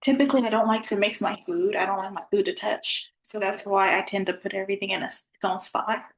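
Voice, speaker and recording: A soft-spoken woman chatting casually in a food vlog, talking at a low volume. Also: fairly even intonation, fast, rough recording. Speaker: vlogger.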